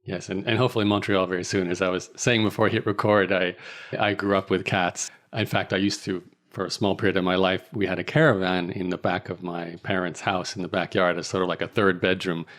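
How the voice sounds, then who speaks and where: A man from Australia with a very low voice, hosting a casual interview. He talks in a loose, rambling way and restarts his sentences often. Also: little pitch movement, brisk, a bit bright. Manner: chatty, rambling with restarts and laughs. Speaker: podcast host.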